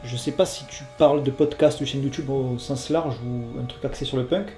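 Guy answering viewer questions, dark mellow voice, lots of ums and sorrys, echoey room, faint music behind. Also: medium pitch, steady tone, brisk. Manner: hesitant, apologetic, lots of fillers. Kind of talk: casual FAQ video chat.

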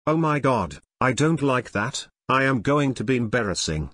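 Caillou, voiced by a man, a bright bratty boy. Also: mid-range voice, big pitch swings, moderate pace. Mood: whiny. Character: bratty young boy troublemaker.

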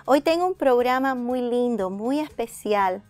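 A middle-aged woman presents a studio interview show. Her voice sits a little high, and she addresses audience and guest effusively. There is light music behind her. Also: animated, a little slow, a little mellow. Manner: effusive, complimentary. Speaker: host. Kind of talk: scripted-sounding programme introduction and interview. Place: indoor radio and TV studio set. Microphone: lapel mic.

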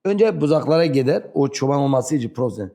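A man with a southeastern Turkish accent tells personal stories in broken, non-fluent Turkish, halting and repeating himself. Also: mid-range voice, expressive, dark tone. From rural southeastern Turkey. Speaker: interview guest. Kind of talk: animated personal storytelling.

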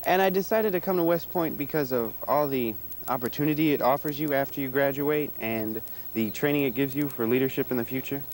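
A man's voice: mid-range voice, fairly quick, hardly any pauses, darkish tone, a little hiss or hum. Earnest young man, new cadet. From United States. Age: young adult. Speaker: incoming cadet. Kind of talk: short interview.

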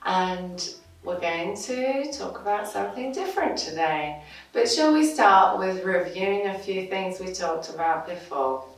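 A woman's voice: medium pitch, expressive, unhurried, very echoey, recorded from a distance, poor audio. A woman teaching young children in the manner of a kids' show host, with simple, encouraging questions and a sing-song delivery. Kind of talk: slow simple vocabulary lesson for young children.

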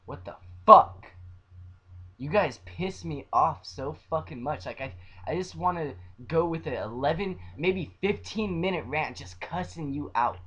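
A young man ranting in a profane vlog, swearing nonstop and repeating himself as he swings between loud outbursts and low mutters. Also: moderate pace, breathy edge. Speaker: vlogger.

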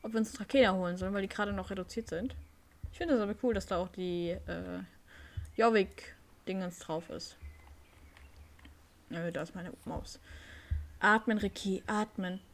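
A woman's voice: mid-range voice, steady tone, moderate pace, pauses often. A woman casually commenting while playing a horse-riding game, thinking aloud. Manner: chatty, thinks aloud with fillers. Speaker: let's play host.

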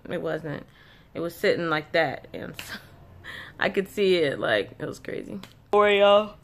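A woman's voice: deep voice, lively intonation, unhurried, creaky. A young woman vlogging in a casual, rambling way. She uses lots of fillers and talks into a handheld phone camera as she moves from a mall to her home. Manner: chatty and rambling, with many fillers. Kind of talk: casual vlog chat. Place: shopping mall, then at home. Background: music.

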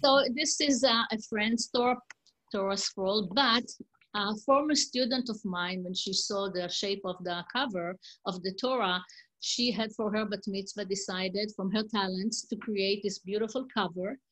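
A woman's voice: medium pitch, normal speed. Woman telling a teaching story on a video call. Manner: warm, informal, small slips. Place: home.

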